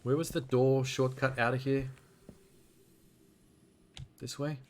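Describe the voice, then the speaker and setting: A man's voice: medium pitch, flat delivery, slow pace, darkish tone. A man giving casual, nervous commentary to himself while playing a horror game. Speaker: video game streamer.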